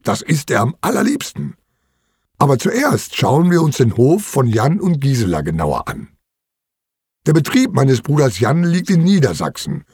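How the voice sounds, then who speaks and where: A middle-aged man narrating a children's farm story in an expressive storytelling manner. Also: normal speed, slightly rough, no echo, studio quality. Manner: expressive, sweeping pitch.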